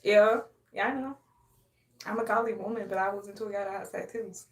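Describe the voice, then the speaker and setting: A young Haitian woman livestreams, chatting casually in a sassy, boastful, playful way and laughing often. Her voice sits at medium pitch, and she speaks briskly.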